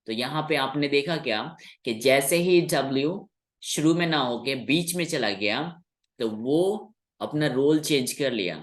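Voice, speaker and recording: A man whose first language is Hindi, teaching English sounds in a patient classroom explanation, repeating key words slowly. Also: mid-range voice.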